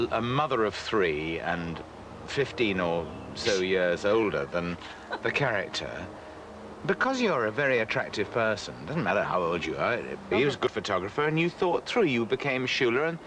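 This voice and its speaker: A man, an actor, telling self-mocking anecdotes about his radio role in a casual, animated way. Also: on the low side, moderate pace, background noise. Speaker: actor interviewee.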